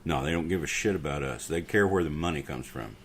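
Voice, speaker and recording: Blunt, profane man with a very deep voice. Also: fast talker, fairly bright tone, a little hiss or hum. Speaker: podcast co-host. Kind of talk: casual political rant.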